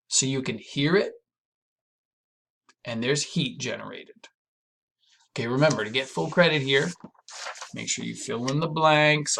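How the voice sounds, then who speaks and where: A man's voice: mid-range voice, gravelly, a bit bright. A man, a physics teacher, walking students through a homework problem in a casual, chatty, reassuring recorded lesson.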